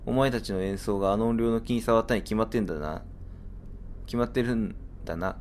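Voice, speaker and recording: A man voicing a brash male yokai musician in a game, with swaggering, rough, slangy delivery. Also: lowish voice, fairly quick, a little mellow, slight background noise, natural voice.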